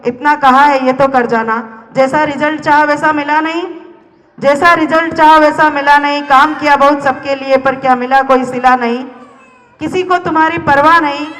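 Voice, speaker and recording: A man's voice: very high-pitched, fairly bright tone. A man performing a dramatic poetry recitation for a live audience at a college event, declaiming and repeating each line as he speaks straight to his listeners. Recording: long hall reverb.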